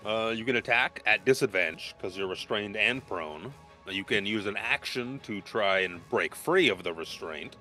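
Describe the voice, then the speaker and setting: A man's voice: fairly low pitch, expressive, normal speed, pushed and bright, faint music behind. A man speaking casually as the game master of a tabletop role-playing session, explaining rules and calling turns.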